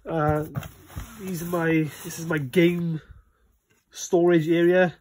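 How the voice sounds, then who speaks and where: A man's voice: a little high, little pitch movement, takes it slowly, darkish tone, a little hiss or hum. Chatty Welsh man on a home tour. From Wales. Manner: chatty, rambling with many fillers. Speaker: vlogger giving a room tour. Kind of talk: casual chat. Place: small indoor games room at home. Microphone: phone camera held in hand.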